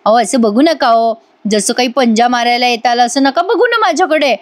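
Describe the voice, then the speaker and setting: A woman's voice: a little high, expressive, normal speed, lightly acted. A woman voicing a talkative young wife who keeps pleading with her silent husband, repeating her questions. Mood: coaxing. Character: young wife, chatty, coaxing, pestering her sulking husband. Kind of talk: re-enacting serial dialogue in a voice-over review.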